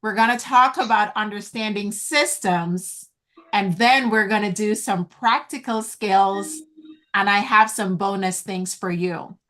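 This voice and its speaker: A woman with a medium-pitched, fairly bright voice speaks a little slowly as a business coach hosting an online event. Teaching a group by video call, she is earnest and encouraging, addresses them as guys, and keeps her teaching slow and deliberate.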